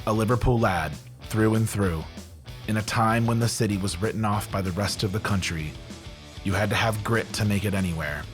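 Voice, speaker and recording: A man reading scripted documentary narration in a measured, dramatic voice-over. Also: on the low side, faint music behind.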